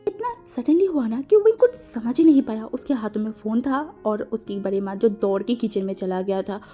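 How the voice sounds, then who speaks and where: A woman's voice: a little high, lively intonation, moderate pace, dark tone, faint music behind. A woman reading out a fan fiction story in a chatty, casual way, slipping English words into her telling.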